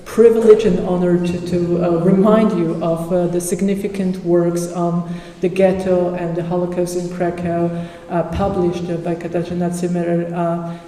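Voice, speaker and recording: A conference speaker giving an academic presentation with slides, halting and full of pauses and fillers. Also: medium pitch, flat delivery, warm tone. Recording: echoey hall with long reverb.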